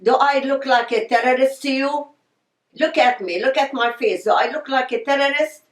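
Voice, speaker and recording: A woman's voice: sits high, normal speed, reverberant, poor audio. An older woman from Palestine, telling her story passionately in an oral history interview.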